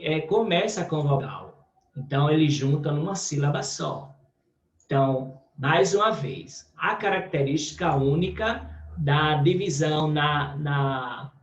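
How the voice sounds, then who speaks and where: A male teacher with a Brazilian Portuguese accent, patiently explaining a recorded lesson with many check-ins to the class. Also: fairly high pitch. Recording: echoey room, dull lo-fi audio.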